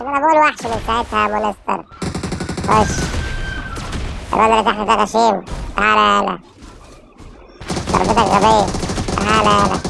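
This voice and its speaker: Gravelly Egyptian woman calling game action. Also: medium pitch, noisy background. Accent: Egyptian Arabic. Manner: excited, urging teammates, frequent shouted calls. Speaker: gamer streamer. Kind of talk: live gameplay commentary.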